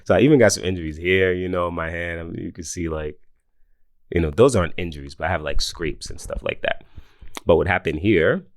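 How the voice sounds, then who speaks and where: A man in his forties telling a casual personal story, animated, often laughing and mimicking others in high voices. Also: fairly quick, no echo, studio quality. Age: 40s. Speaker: host.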